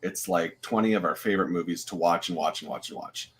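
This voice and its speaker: A man's voice: deep voice, a little fast. A man co-hosting a podcast, talking casually and rambling with lots of filler uhs. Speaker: co-host.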